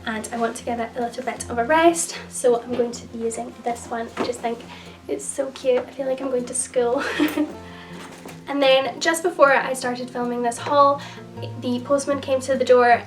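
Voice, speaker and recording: Young woman, higher voice, croaky, effusive haul vlogger, a bit off-mic, music underneath. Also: steady tone, moderate pace, far from the mic. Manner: gushing, effusive, repeats "so, so". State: croaky voice from a cold. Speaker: beauty and lifestyle vlogger. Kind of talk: casual haul vlog. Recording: music bed, voice a little off-mic.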